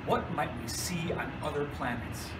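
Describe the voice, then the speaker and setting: A man's voice: fairly high pitch, moderate pace, over loud music. Older man, echoey and distant. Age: over 60. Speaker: scientist. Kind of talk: explanation to camera. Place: among plants in a greenhouse.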